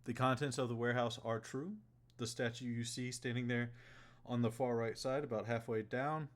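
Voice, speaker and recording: A man narrating a tabletop session as game master. He tells the story in an easygoing way, pausing often on fillers as he recaps for his players. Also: medium pitch, steady tone.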